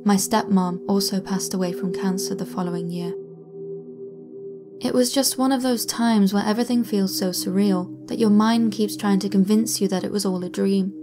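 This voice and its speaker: A woman narrating a true paranormal story in a soft, slow, somber way, sometimes sinking to a whisper. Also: mid-range voice, steady tone, over music. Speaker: channel narrator.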